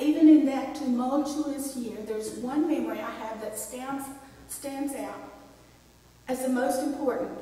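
A woman's voice: on the high side, warm tone, a little hiss or hum. Older woman pastor preaching in a reverberant church. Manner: storytelling, reflective, then prayerful. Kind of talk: sermon. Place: church sanctuary. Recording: echoey church hall, distant mic.

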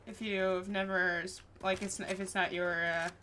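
A woman's voice: mid-range voice, flat delivery, a little slow, bright, forceful tone. A young Dutch woman with a Dutch accent, chatting casually and laughing while she streams a game and reads her chat aloud. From Netherlands. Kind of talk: casual gameplay livestream chatter. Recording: clear background noise.

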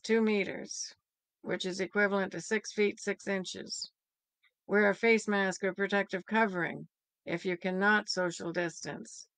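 An older woman giving a church's daily devotion from a home office, reading numbers and scripture in a plain, steady way over a webcam. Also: medium pitch, no room sound. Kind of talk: daily devotional and local news update. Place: home office by a bright window. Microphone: webcam at desk.

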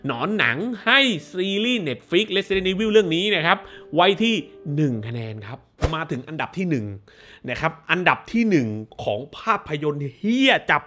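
A man's voice: fairly high pitch, animated, moderate pace, sharp tone. A man hosting a movie review show, ranting casually in a crude, profane, sarcastic way.

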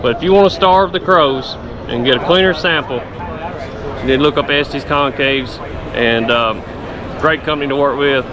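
A man's voice: medium pitch, normal speed, lo-fi sound. A man, a farmer vlogging casually and plain-spoken at a trade show, filmed close up. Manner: folksy, plain-spoken, enthusiastic. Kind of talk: casual walk-and-talk vlog. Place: large indoor trade show hall. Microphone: handheld camera close to face. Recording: noisy trade show floor. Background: crowd chatter and hall noise.

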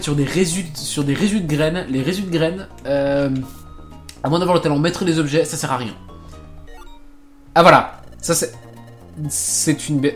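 A man casually commenting on a video game he is playing, rambling with lots of fillers, restarts and swearing. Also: fairly high pitch. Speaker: gaming channel host. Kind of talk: casual let's play commentary.

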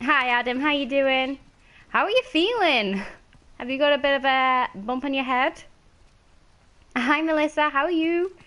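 A woman's voice: sits high, moderate pace, pauses often, pushed and bright. A woman streaming a game, chatting casually, greeting viewers by name and laughing easily.

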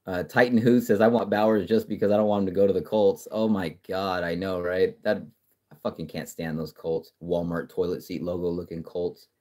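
Profane, excitable male livestream host. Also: deep voice, a little fast. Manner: profane, excitable, trash-talking, frequent restarts. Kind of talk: casual live-stream chat reading comments.

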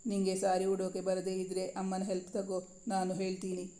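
A woman voicing a playful, doting young husband in a spoken story, teasing and coaxing in a flat, mellow voice. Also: medium pitch, moderate pace, natural voice.

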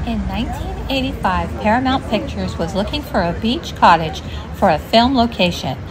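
A woman's voice: mid-range voice, lively intonation, moderate pace, noisy background. A woman vlogger chatting casually on a beach outing and narrating a tour of an old cottage. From California. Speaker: vlogger, co-host. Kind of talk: casual chat and read narration.

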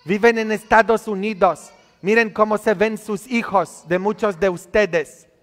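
A man's voice: sits high, steady tone, unhurried, long reverb tail. A male priest giving a sermon, teasing and scolding the congregation with many questions. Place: church.

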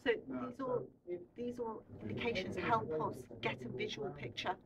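Amid a noisy crowd, a young woman with a fairly high, creaky voice speaks at normal speed, guiding a group through an indoor radar control room as an air traffic controller. She explains things informally and often uses tag questions to make sure they follow, recorded from a handheld camera a short distance away with loud room noise.

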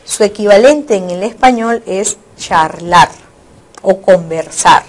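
A woman teacher speaks in a recorded lesson at an ordinary middle pitch. She explains step by step, restating each point in new words. She keeps checking in with her students through short tag questions. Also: slow pace. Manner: repeats and rephrases points. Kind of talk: recorded online lecture.

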